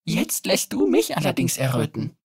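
A narrator playing Fiyerem, a shy and charming porcelain clockwork boy who speaks slowly and softly in a storybook reading. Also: mid-range voice, huge pitch swings, creaky, breathy edge, dry recording, clean studio sound, far from the mic, pitched above the performer's own voice, full character voice.

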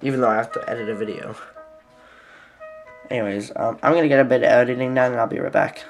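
A man's voice: mid-range voice, fairly even intonation, fast. Man vlogging while sick, rambling, full of fillers, faint music behind. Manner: rambling, filler-heavy, self-correcting. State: sick, with a sickly voice. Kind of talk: casual vlog chat. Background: faint music playing.

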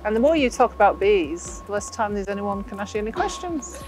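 A woman's voice: medium pitch, brisk, over loud music. Earnest middle-aged woman beekeeper. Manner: animated, earnest. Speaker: volunteer beekeeper. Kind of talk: interview. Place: outdoors, garden. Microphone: lapel.

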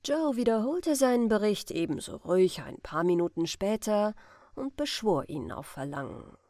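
A woman reading a classic adventure story aloud as a bedtime audiobook, calm and expressive. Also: medium pitch, moderate pace, no echo, clean studio sound. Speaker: audiobook reader.

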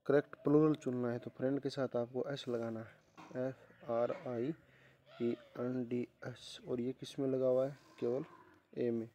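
Man teaching with a flat, dark voice. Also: mid-range voice. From India. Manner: repeats questions back to students; spells words letter by letter. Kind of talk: solving an exam paper for students.

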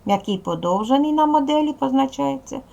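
A woman teacher with a Ukrainian accent, giving a slow and clear lesson to young pupils and spelling out sounds one by one. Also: high voice, expressive, mellow, lo-fi sound. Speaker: primary school teacher. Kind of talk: slow, clear classroom instruction.

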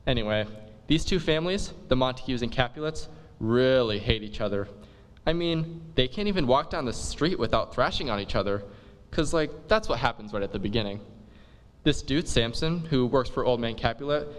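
A man's voice: mid-range voice, animated, normal speed, big-room sound. A man giving a comic monologue in laid-back slangy dude talk, full of "like". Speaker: comic performer. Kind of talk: comic monologue retelling a play.

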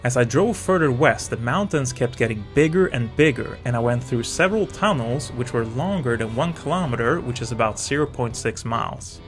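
A middle-aged Swedish man with a medium-pitched voice narrates his motorcycle travel vlog in a calm, informative, measured voice-over. It was recorded off the road, with faint music in the background.

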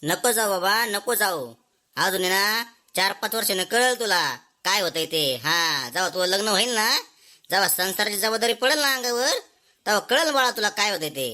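A woman playing a village father who scolds and insults his lazy son in a comedy sketch. He uses rough rustic slang. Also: mid-range voice, animated, moderate pace, pushed and bright. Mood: resigned.

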